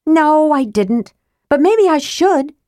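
A woman's voice: high-pitched, animated, normal speed, a little mellow, no room sound, studio quality, pitched above the performer's own voice. A fiery young redhead in a temper, as a woman reads her. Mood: angry. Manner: pleading, accusing, raised voice. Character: fiery young red-haired woman, jealous and tearful.

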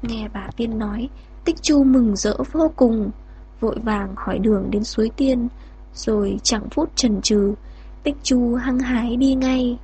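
Woman storyteller, slow gentle reading, fairly high voice, faint music behind. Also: slightly rough. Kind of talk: scripted fairy tale narration.

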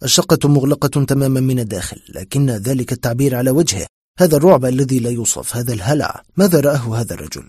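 A man's voice: medium pitch, lively intonation, quick pace, a little mellow, breathy edge, dry recording, clean studio sound, pitched below the performer's own voice. A man voicing a weary, blunt police lieutenant colonel in a spoken horror story, dismissive and matter-of-fact.

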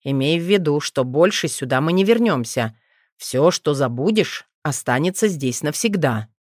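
A woman voicing a calm, gentle dragon father who talks to his young sons in a low, steady, reassuring way, read as an audiobook. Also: moderate pace, dry recording, studio quality. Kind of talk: audiobook reading.

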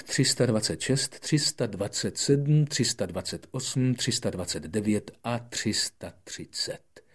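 A man's voice: on the low side, slightly rough. A man narrating an audiobook expressively, dramatic and often dropping to a whisper.

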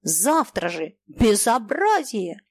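A woman's voice: big pitch swings, takes it slowly, breathy edge, no room sound, heavily acted. A woman reading an audiobook, voicing an irate landlady with a toothache who hisses, whistles and shrieks her words. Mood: indignant. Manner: hissing, whistling, shrill.

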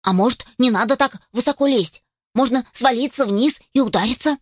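A woman's voice: fairly high pitch, a little fast, slightly rough, no room sound, studio quality. A woman voicing a loyal young male puppy who begs everyone for help. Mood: pleading. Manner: eager, pleading.

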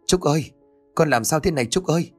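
A man's voice: on the high side, fast talker, husky, soft background music, pitched above the performer's own voice. A man voicing a frantic worried mother. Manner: pleading, breathless urgency. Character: anxious middle-aged mother, frantic.

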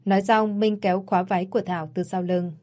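A woman narrating a romance story in an even, steady storytelling voice. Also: medium pitch, fast. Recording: faint background music.

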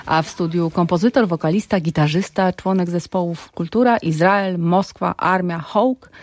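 A woman's voice: on the low side, normal speed, a little mellow. A woman hosting a radio interview in a studio, asking probing, direct questions. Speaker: radio host. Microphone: studio microphone.

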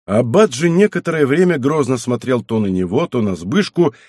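A man's voice: medium pitch, lively intonation, normal speed, darkish tone, dry recording, clean studio sound. Man narrating a historical audiobook. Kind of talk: scripted narration of a historical novel.

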